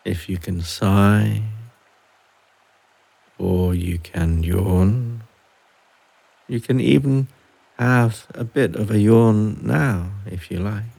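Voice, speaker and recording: A man guiding a relaxation and breathing meditation, speaking softly and unhurriedly with long pauses between phrases. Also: lowish voice, gravelly, breathy edge. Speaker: meditation guide. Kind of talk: guided relaxation.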